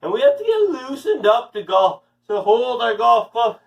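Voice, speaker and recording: A man's voice: very high voice, very animated, moderate pace, gravelly, highs cut off. A man in his thirties leads a children's exercise lesson with an overbright, upbeat kids' party host delivery. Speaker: kids' fitness teacher and video host. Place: living room at home, indoors. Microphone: camera several steps away. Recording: distant roomy mic, music behind. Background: guitar music.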